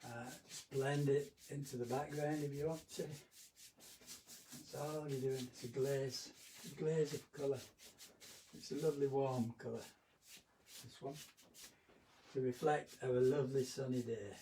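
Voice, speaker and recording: A man giving a relaxed, rambling painting demonstration as an art instructor, often correcting himself. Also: medium pitch, measured pace, long pauses, recorded from a distance, slight background noise. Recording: roomy echo, off-mic.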